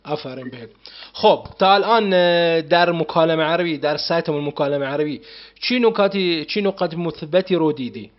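A man hosting an interview as a language teacher, encouraging his guest with quick affirmations. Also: a little high, highs cut off. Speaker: Arabic teacher and host. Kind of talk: casual interview.

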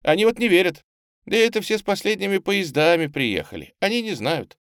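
A man's voice: sits high, expressive, brisk, smooth, no room sound, clean studio sound, pitched above the performer's own voice. A man voicing a cheerful, kind young woman who coaxes street children, in an audiobook. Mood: gentle. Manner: warm and coaxing.

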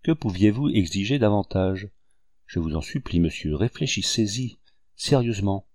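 Soft pleading young lady, timid and gentle, dry recording, a man reading her. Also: fairly low pitch, lively intonation, normal speed, no room sound.

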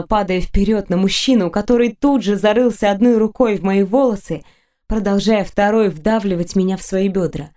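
A woman narrating a first-person romance audiobook, reading softly, intimately and sensually. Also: medium pitch.

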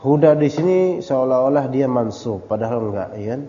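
A man teaches a religious study class in a mellow, relaxed voice, casually wandering off topic and putting questions to the listeners. He peppers his talk with Arabic terms and English words. The lo-fi recording rings with the long reverb of a large hall. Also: medium pitch, a little fast. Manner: casual and digressive, asks the audience questions. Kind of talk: religious study lecture to a live audience. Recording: echoey hall, dull lo-fi audio.

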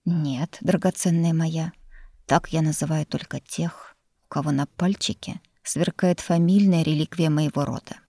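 A woman voicing a teasing, self-assured young male lord and teacher, speaking in an unhurried, mocking way. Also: sits low, fairly even intonation, gravelly, mellow, breathy edge, no room sound, heavily acted.

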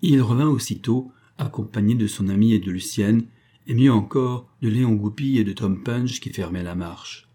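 A man narrating an audiobook in a steady, measured reading style. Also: on the low side. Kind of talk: scripted narration.

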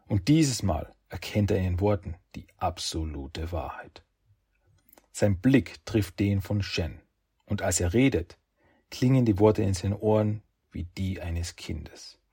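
A man narrates an audiobook in a calm, measured way. His voice is husky and lowish, and he reads slowly. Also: dry recording, studio quality. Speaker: audiobook reader. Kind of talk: scripted narration.

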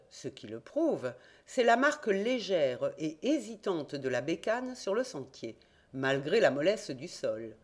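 A woman reading an audiobook, voicing an eager, confident young male reporter-detective in a raised, excited voice. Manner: excited, emphatic, raised and higher voice.

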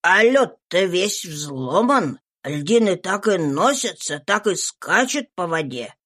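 A woman's voice: fairly low pitch, sing-song, slow, fairly bright tone, exaggerated voice. A woman doing a fretful male servant. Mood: alarmed.

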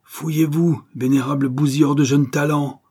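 A man reading an audiobook, voicing a bold, fierce young sailor who shouts menacing demands. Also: on the high side, fairly even intonation, normal speed, breathy edge, voice pushed up. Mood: furious threat.

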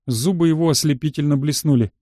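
A man's voice: on the high side, fast, warm tone, dry recording, clean studio sound. A man reading a first-person action story aloud in a terse, matter-of-fact manner. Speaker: audiobook narrator. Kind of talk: scripted first-person narration.

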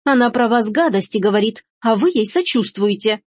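A woman's voice: on the high side, lively intonation, brisk, dry recording, clean studio sound. A woman voicing a spiteful noble mother who shrieks and snipes.

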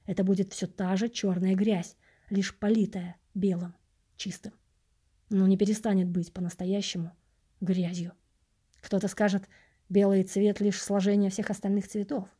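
Woman reading a patient wise mentor, measured, instructive, mellow tone, audiobook. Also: medium pitch, level tone, husky, lightly acted. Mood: reflective. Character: calm wise male vagrant mentor, patient.

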